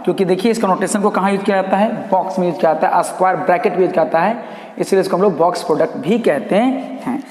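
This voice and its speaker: Male math teacher, high voice, lecturing in a reverberant room and repeating key terms. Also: fast, a little mellow. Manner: repeats key terms, asks and answers own questions. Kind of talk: classroom lecture. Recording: echoey room with long reverb.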